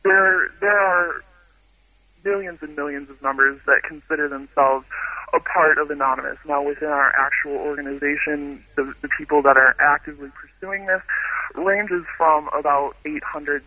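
A man calling in on the phone to a radio show, his voice disguised by a voice changer, speaking haltingly with many fillers and restarts. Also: on the high side, fairly even intonation, sharp tone, no room sound, poor audio. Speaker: anonymous phone-in guest. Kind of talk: radio call-in interview. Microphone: phone line.

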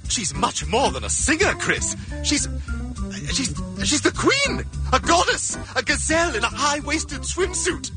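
Woman acting high-pitched, gushing excitable pop fan. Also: measured pace. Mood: gushing, excited. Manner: gushing, theatrical. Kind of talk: comedic scripted dialogue. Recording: clip with loud music and crowd.

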